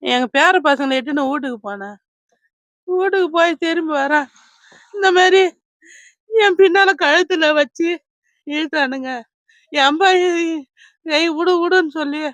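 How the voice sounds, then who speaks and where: A woman's voice: high voice, normal speed, long pauses, fairly bright tone, no echo. A woman, crying as she tells a reporter about being robbed, in a wailing, repetitive lament. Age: 50s. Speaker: robbery victim interviewed by a reporter. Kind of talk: emotional street interview.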